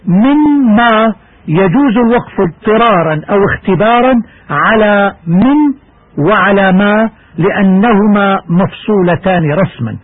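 A man teaching a recorded lesson on Quran recitation, in measured, formal instructional delivery. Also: high-pitched, no echo. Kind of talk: scripted lesson narration. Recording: husky, dry, phone-like radio broadcast.

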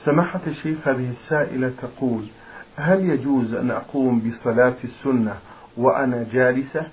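A man's voice: medium pitch, a little fast. A man presenting a radio programme and reading out questions in formal Standard Arabic, with deferential, polite phrasing. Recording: narrow phone-like radio sound, faint noise.

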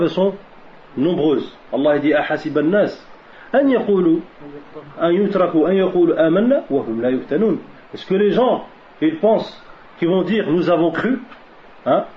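Male preacher, fairly high voice, rhetorical questions, repeats key lines, dull lo-fi recording with faint hiss. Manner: asks questions and answers them himself; mixes Arabic religious phrases into French. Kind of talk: religious lesson.

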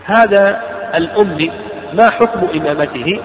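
A man teaching a lesson on a classical legal text. He reads lines aloud slowly, then explains and repeats them. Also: high-pitched, background noise. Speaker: teacher of Islamic law. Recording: roomy hall recording, dull sound, crowd behind.

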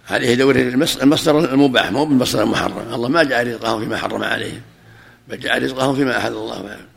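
A man's voice: mid-range voice, vocal fry, a bit bright. A man giving a religious lesson, explaining hadith and answering students' questions, repeating key phrases for emphasis. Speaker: religious scholar teaching hadith.

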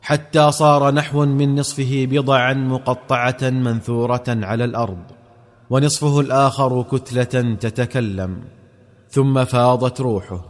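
A man's voice: medium pitch, fairly even intonation, a little slow, long reverb tail. A man narrating a historical story in a solemn, formal classical style.

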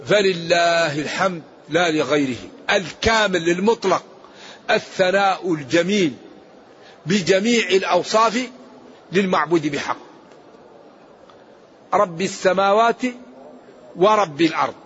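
Man, religious lesson, high voice, emphatic recitation, muffled lo-fi sound. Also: unhurried, pauses often, a bit bright. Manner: emphatic, rising sharply when reciting verses. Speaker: religious scholar. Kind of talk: Quran commentary lesson. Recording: dull lo-fi recording with faint hiss.

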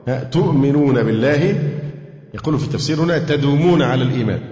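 A man with an Egyptian Arabic accent teaching a Quran lesson to a class, quizzing his students on grammar and reciting verses slowly. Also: medium pitch, mellow. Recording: echoey hall, dull lo-fi sound.

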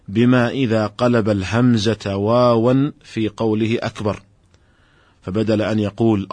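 A man giving a formal religious lesson, explaining rulings in a measured, explanatory way and addressing his listeners directly. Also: lowish voice, no room sound. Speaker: Islamic scholar giving a lecture.

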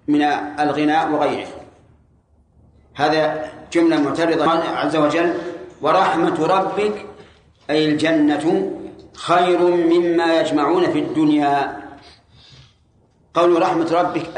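A man teaching a classroom lesson on Quran commentary, explaining the text step by step and putting questions straight to his students. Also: fairly high pitch. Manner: explanatory, quizzes students directly. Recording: echoey room with faint hiss.

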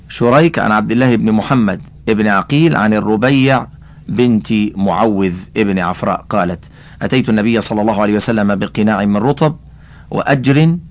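A man reading a classical religious text aloud as an audiobook, adding commentary and carefully spelling out how names are voweled. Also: fairly low pitch. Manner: addresses the listener directly. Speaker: audiobook reader.

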